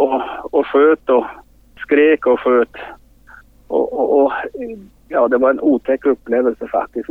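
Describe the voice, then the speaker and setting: A man leading a hunt, talking haltingly in a news interview and repeating his words as he searches for them. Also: mid-range voice, dry recording. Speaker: hunt leader interviewed by phone. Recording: tinny dry phone line.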